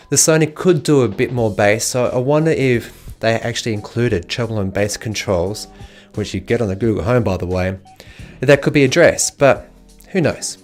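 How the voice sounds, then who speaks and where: Male video host, medium pitch, casual gadget-review delivery over light guitar music. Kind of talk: casual product review narration. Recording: music playing behind the voice.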